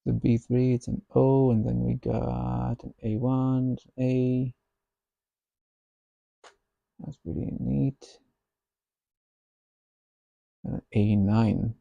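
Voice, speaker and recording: A man thinking aloud while he codes, musing slowly and half to himself. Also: medium pitch, flat delivery, vocal fry, warm tone, no echo, highs cut off. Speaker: software developer.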